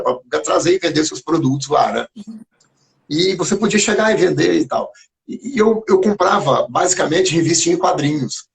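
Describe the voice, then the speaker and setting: A gravelly, rather high-voiced mineiro from Minas Gerais, Brazil, a teacher appearing as a guest on a video live stream, tells stories in a casual live chat. He shares lively anecdotes and acts out remembered dialogue, picked up by a phone or computer microphone.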